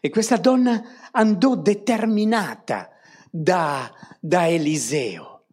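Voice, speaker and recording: Slow, lively-pitched woman preacher. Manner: tags rhetorical questions to the congregation. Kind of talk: sermon.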